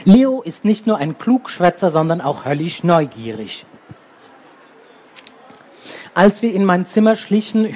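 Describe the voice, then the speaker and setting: Slightly husky male storyteller. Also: fairly high pitch, a little mellow. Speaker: audiobook reader. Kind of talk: scripted children's book narration.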